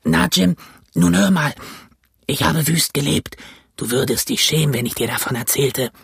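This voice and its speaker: A man voicing a ragged, marooned old sailor in a storybook reading, with a hoarse, croaky, pleading voice. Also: fairly high pitch, normal speed, fairly bright tone, dry recording, clean studio sound, pitched above the performer's own voice, exaggerated voice. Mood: eager. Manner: raised, pleading and wheedling.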